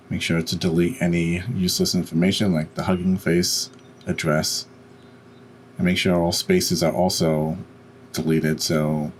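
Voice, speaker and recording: A deep-voiced man narrates a software screencast as the tutorial host. He walks through each step plainly and unhurriedly, with faint noise in the background.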